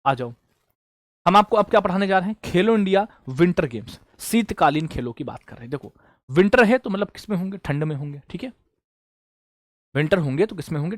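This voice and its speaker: A man's voice: fairly high pitch, no echo, studio quality. Man teaching a drilling quiz class. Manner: repetitive question-and-answer drilling, addresses students as bhaiya and beta. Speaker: exam coaching teacher. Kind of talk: online current affairs class.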